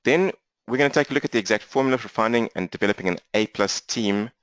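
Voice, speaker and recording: A man with a strong South African accent, speaking fast and energetically as he leads a live online training session from his laptop. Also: on the low side, no echo. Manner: fast-talking, energetic, interactive. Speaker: business coach for accountants. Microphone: laptop mic.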